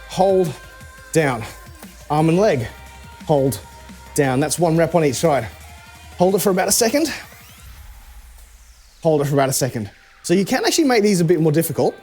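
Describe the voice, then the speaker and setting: A man's voice: on the high side, darkish tone. A man coaching a live workout in a casual, conversational way, cueing exercise moves step by step. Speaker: fitness coach. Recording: music behind the voice. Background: music.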